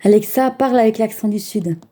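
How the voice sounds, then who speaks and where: A woman's voice: medium pitch, fairly quick, dark tone. A woman vlogger in casual chat, giving spoken commands and chatty asides, with some stumbles. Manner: chatty, stumbling, talking to a device.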